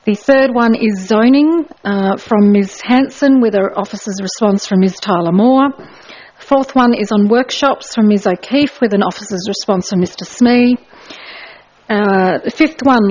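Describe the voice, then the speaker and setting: A woman runs a council meeting as mayor, moving briskly through procedure with a few light asides. The recording is dull and lo-fi. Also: mid-range voice, darkish tone, a little hiss or hum.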